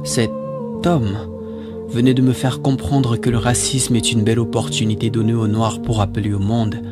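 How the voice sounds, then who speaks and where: A man's voice: lowish voice, little pitch movement, brisk. A man reading a scripted monologue in a solemn, exhorting manner with rhetorical repetition. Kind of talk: scripted spoken-word monologue. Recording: music behind the voice.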